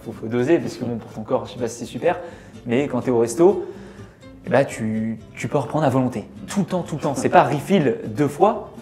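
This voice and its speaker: A young man from France with a Parisian accent, talking as a guest in a relaxed, chatty interview full of filler words. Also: medium pitch, fairly quick, faint music behind. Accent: Parisian French. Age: young adult. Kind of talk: casual interview chat.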